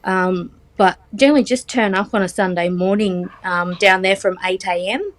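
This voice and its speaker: An Australian woman in her forties talks as an interview guest. She is chatty and unhurried, with frequent ums and a light teasing humor. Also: medium pitch, steady tone. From Australia, Central West New South Wales. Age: 40s. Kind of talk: casual interview chat.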